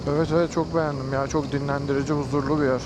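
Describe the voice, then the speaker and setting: A man's voice: mid-range voice, little pitch movement, racing. A man chatting casually as he presents a travel vlog outdoors. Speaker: vlogger. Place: outdoors at a busy valley picnic spot. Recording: loud outdoor nature and vehicle noise.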